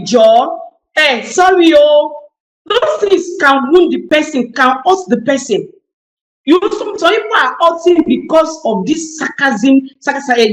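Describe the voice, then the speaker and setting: A woman's voice: sits high, echoey room, low-quality recording. A woman on a TV panel discussion, speaking emphatically and repeating key phrases for weight. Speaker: talk show panelist.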